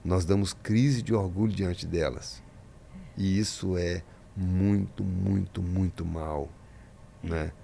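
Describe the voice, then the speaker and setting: A man's voice: deep voice, fairly even intonation, slow, vocal fry, dark tone, a little hiss or hum. A man, a pastor, talking in a podcast interview, preaching-style and emphatic, acting out the voices in his stories.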